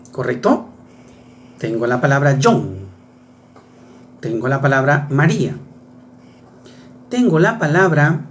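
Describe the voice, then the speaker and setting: A man teaching verbal reasoning, explaining step by step and checking in with rhetorical questions. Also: a little high. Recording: faint background noise.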